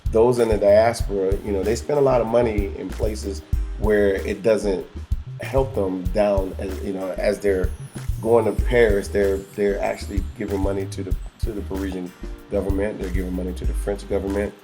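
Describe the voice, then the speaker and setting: A man's voice: lowish voice, little pitch movement, normal speed, dark tone, faint music behind. A middle-aged man from North Carolina chatting casually about his travel business, with many fillers and stumbling repeats. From North Carolina, USA. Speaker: travel company co-founder. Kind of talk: casual promotional chat.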